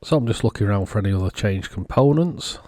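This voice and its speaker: A man giving casual, unhurried technical commentary, thinking aloud as he inspects a circuit board. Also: fairly low pitch, expressive, warm tone, no room sound, studio quality. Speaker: electronics repair vlogger.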